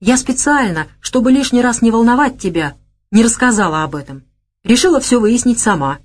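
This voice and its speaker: Lady reader doing a coy teasing young gal, sly and stubborn, voice bounces around a lot. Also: brisk. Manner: teasing, coy, high and lively.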